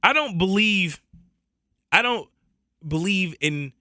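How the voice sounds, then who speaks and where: On a studio boom mic in a dry recording, a Southern US radio co-host delivers heated, emphatic talk. He takes it slowly, his high-pitched voice bright and forceful with lively intonation.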